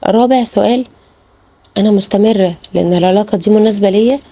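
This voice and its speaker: Her tone warm and her pace quick, a woman of medium pitch delivers relationship advice to camera in a dry recording. She's a life coach with an Egyptian Arabic accent who speaks earnestly and repeats words for emphasis.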